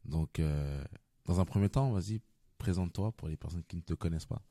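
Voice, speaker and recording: A man's voice: low voice, a little fast, dark tone, no echo, studio quality. A man hosting a casual podcast interview, friendly and prone to stumbling restarts. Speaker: podcast host.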